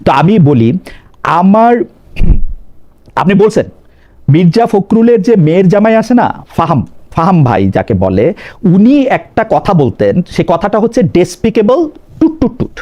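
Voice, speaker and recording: A man's voice: high voice, sing-song, moderate pace, darkish tone, dull audio. A man hosting a live political talk show, pressing his guest with repeated questions and mixing English phrases into his speech.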